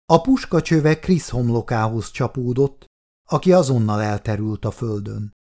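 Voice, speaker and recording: A male audiobook narrator reading in a measured, expressive way. He has a middle pitch for a man and drops to a hush on quiet lines. The overall delivery is steady and scripted.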